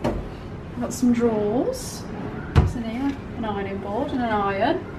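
A young woman talks to a handheld camera in a bright, slightly high voice, giggling and tossing off quick asides. Her casual vlog chat sits over loud background noise. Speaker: vlogger. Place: airport terminal, then hotel room. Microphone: handheld camera at arm's length.

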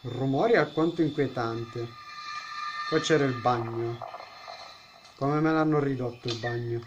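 A gaming YouTuber does let's-play commentary on a horror game, joking, talking to the characters and blurting out startled exclamations. His voice is mid-range and measured in pace. The recording is muffled, with background noise.

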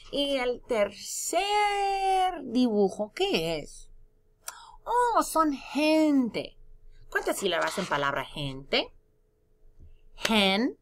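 A woman's voice: high voice, a bit bright. A woman teaching a recorded lesson, spelling words out letter by letter, stretching syllables and praising her students between prompts.

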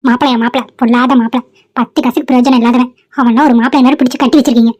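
A sharp, scolding cartoon mother, voiced by a woman, high-pitched and fast. She nags her son and snaps at her husband with little patience. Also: steady tone, lightly acted. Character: irritated middle-aged town mother nagging her son.

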